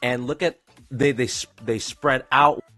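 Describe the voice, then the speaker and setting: A man narrating a tier-list video in a pitched-up voice, stumbling and repeating phrases as he goes. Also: fairly even intonation, sharp tone, no echo. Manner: halting, repeats phrases and stumbles over words. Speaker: streamer. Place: pre-recorded video played on stream. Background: faint background music.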